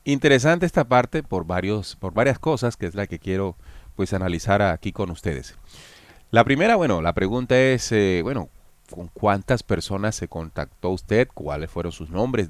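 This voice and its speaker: A man with a lowish voice walks his viewers through an interview in an explanatory commentary. He turns to them directly as he picks apart each point. The sound is dry and close. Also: no echo. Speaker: host. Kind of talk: analytical commentary.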